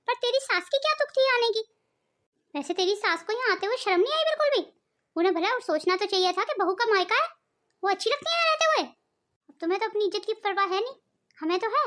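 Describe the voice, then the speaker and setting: A woman voicing a sharp-tongued, scolding middle-aged mother in a cartoon family drama, speaking in a taunting way. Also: extremely high pitch. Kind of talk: cartoon voice acting.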